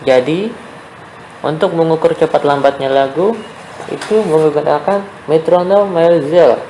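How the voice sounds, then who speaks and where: Seorang guru pria memberi pelajaran musik daring untuk murid sekolah, dengan sabar mengulang poin penting dan sering bertanya "ya" atau "oke". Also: male voice, fairly high pitch, measured pace, mellow, a little hiss or hum, rough recording. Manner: patient, repeats key points, checks in with "ya" and "oke". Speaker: teacher. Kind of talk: online music lesson for schoolchildren.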